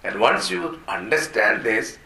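A man's voice: medium pitch, very animated, creaky, bright, forceful tone. Indian man teaching in an echoey room. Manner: explanatory, repeats and glosses terms slowly. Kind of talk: Vedanta discourse with Sanskrit quotations. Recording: roomy echo, faint background noise.

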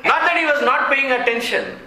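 A man with a South Indian accent telling an anecdote to an audience in an expressive, amused way with deliberate pauses. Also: extremely high pitch. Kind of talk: animated storytelling talk. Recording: roomy echo, faint background noise.

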